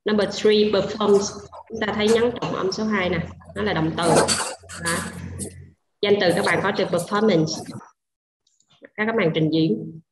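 A woman's voice: mid-range voice, fairly even intonation, measured pace, background noise. A woman teacher with a Vietnamese accent reviewing vocabulary in an online class, switching between Vietnamese and English and stressing syllables patiently. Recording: echoey dull room sound.

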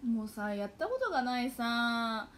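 A woman's voice: fairly high pitch, very animated, moderate pace, fairly bright tone, slight background noise. A young woman in her twenties with a Hakata dialect accent, chatting casually and animatedly to viewers on a livestream. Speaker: livestream host. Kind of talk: casual livestream chat reading comments.

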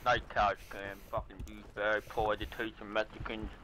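A man streaming an online shooter, chatting casually with swearing, excitable trash talk into a headset. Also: fairly low pitch, normal speed, a little hiss or hum. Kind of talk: casual gaming chat.

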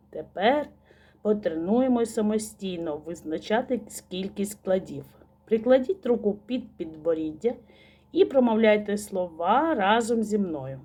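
A woman teacher giving a slow, patient recorded lesson to young children, asking questions and praising answers. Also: mid-range voice, mellow, husky.

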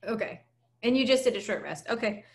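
A woman's voice: on the high side, animated, brisk, gravelly. A woman playing a board game, teasing her partner and checking on the game state. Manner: attentive, teasing, keeps track. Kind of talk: casual game chat.

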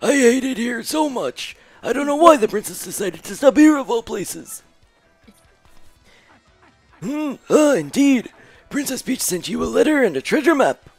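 Man putting on a grumpy, high-pitched old gentleman. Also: big pitch swings, measured pace, no room sound, faint music behind, exaggerated voice, rough recording. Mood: fussy, grumbling. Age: older. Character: fussy, grumbling old gentleman mushroom retainer. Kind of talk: improvised video game character voice.

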